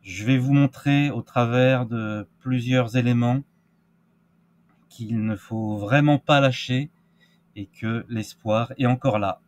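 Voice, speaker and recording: A man's voice: mid-range voice, takes it slowly. A man giving casual crypto market commentary, hesitant with many fillers and restarts. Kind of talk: casual screen-share market analysis.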